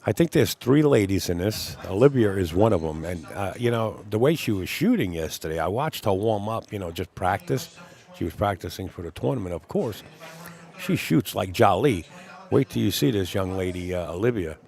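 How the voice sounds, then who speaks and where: A man with a fairly low voice gives casual live event commentary as a stream host. He talks in a chatty, folksy way, like someone swapping stories. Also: lively intonation, moderate pace, creaky, a little mellow.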